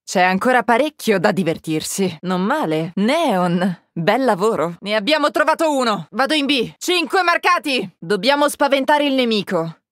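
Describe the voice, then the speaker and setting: A woman's voice: fairly high pitch, big pitch swings, normal speed, no echo. An actress voicing a menacing young woman agent in a video game, with cold, taunting, clipped callouts, recorded dry on a close studio mic. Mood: cool menacing. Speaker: voice actress dubbing a game character. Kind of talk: game voice lines.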